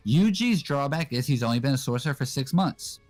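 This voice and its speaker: A young man guesting on a casual anime discussion, explaining in a relaxed way with lots of fillers. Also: medium pitch, fairly quick, soft background music. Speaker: guest co-host.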